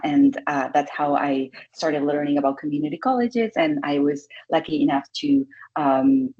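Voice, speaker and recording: A low, husky woman's voice, presenting her research over a video call. She stumbles a little, filling pauses with "uh" and repeating words as she goes. The sound is dull and lo-fi. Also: darkish tone. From Argentina. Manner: hesitant, with frequent "uh" and repeated words. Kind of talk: webinar presentation.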